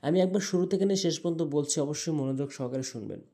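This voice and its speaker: A man teaching correct Quran pronunciation, chanting verses in long drawn-out tones between spoken explanations and repeated demonstrations. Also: a little high, dark tone.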